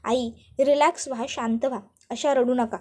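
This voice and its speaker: A woman voicing an earnest young man who questions calmly and reassures. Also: high voice, moderate pace. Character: calm, earnest young man, son-in-law.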